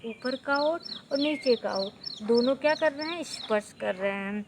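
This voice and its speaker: A woman's voice: on the high side, normal speed, background noise. A woman teaching an exam-prep lesson, explaining step by step and answering her own questions as she goes.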